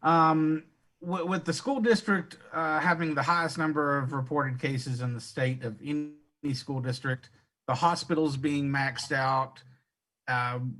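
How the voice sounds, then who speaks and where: A man's voice: a little high, fairly even intonation, measured pace, pushed and bright. A man asking questions at a press briefing, hesitant with many fillers.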